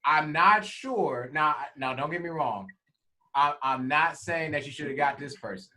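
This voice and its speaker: A man co-hosting a sports podcast who builds his argument point by point in a measured way. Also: a little high, animated, pushed and bright, slight background noise. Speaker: podcast co-host. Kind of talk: casual sports podcast chat.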